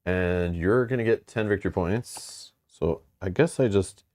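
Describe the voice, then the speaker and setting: Low-voiced man running a board game. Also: unhurried, darkish tone. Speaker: player reading out game rules and story. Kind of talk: casual board game playthrough chat.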